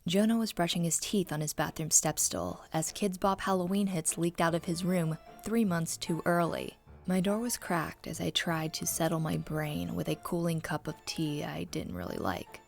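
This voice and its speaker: Low, creaky, haunting woman narrator. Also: moderate pace, hardly any pauses, faint music behind. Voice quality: low, husky, breathy voice. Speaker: story narrator. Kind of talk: scripted scary story narration, first person.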